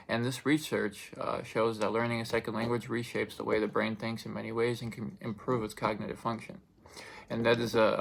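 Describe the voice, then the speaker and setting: A young man from a Russian-speaking country, Russian his first language, gives an informative speech in a loose, rambling way. His mid-range voice is gravelly, and his delivery is heavy with fillers and restarts.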